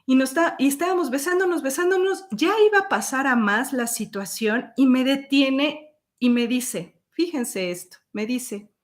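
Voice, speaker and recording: A woman telling a personal story as host, acting out quoted dialogue with sudden high peaks. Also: expressive, moderate pace.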